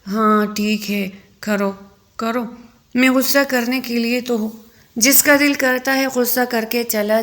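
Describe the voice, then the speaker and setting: A woman's voice: fairly high pitch, a bit bright. A woman voicing a tearful, self-pitying young wife in a storybook reading. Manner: sobbing complaints.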